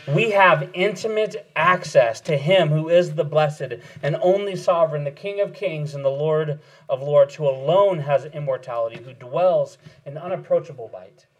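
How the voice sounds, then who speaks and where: A man's voice: fairly high pitch, a little hiss or hum, rough recording. A man preaching a sermon earnestly, asking rhetorical questions and repeating key phrases for emphasis. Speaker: pastor.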